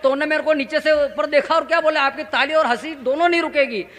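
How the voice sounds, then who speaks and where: Cheeky high-voiced man on stage, very bright tone, animated comic storytelling with asides to the crowd. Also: fast. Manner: animated, acts out quoted voices, playful audience asides. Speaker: stand-up comic poet. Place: stage before a live audience. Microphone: stage microphone.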